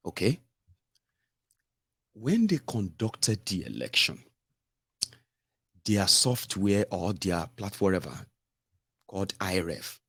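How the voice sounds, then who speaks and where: A man giving political commentary on a live stream, explaining slowly and adding tag questions. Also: deep voice, fairly bright tone, dry recording, studio quality.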